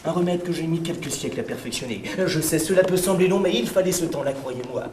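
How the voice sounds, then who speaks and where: A man's voice: a little high, quick pace, a little mellow, lightly acted. A man playing a pompous, impatient god of sleep who peddles remedies in declamatory theatrical comedy style. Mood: sales patter. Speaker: quack doctor salesman. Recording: distant, echoey, noisy stage recording.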